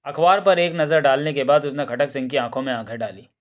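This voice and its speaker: A man narrating a comic book story in a lively, plain storytelling manner. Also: medium pitch, fast.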